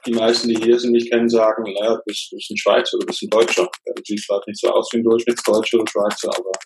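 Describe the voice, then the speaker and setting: A man in his thirties from Germany, living in Switzerland since age twelve, speaks as an interview guest, reflective and relaxed with some fillers. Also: on the low side, fast talker, a little hiss or hum, low-quality recording. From Germany, then Switzerland from age twelve. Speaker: coach and author.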